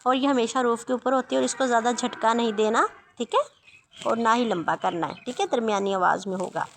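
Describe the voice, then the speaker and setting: Patient woman teaching letter sounds slowly. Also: on the high side, fairly bright tone, a little hiss or hum. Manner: patient, reassuring, repeats "theek hai". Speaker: Quran reading teacher. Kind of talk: slow recited drill and explanation.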